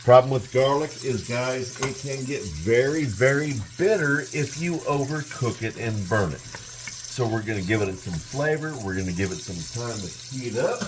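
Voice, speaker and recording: A man's voice: mid-range voice, animated, normal speed, background noise. A man hosting a casual cooking tutorial from his home kitchen, chatty and talking straight to his viewers. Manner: chatty, keeps addressing viewers as guys. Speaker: cooking channel host.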